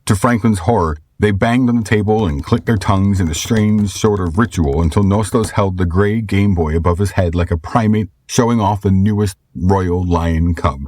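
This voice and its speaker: A man reading scripted story narration in a measured, storytelling way. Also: low-pitched, darkish tone, no room sound.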